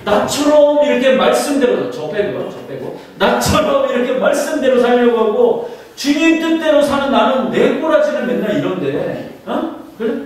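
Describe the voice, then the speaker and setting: A man's voice: very high voice, lively intonation, normal speed, few pauses, darkish tone. A man preaching a sermon as pastor, often putting questions to the congregation. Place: church sanctuary. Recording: echoey church hall from far off.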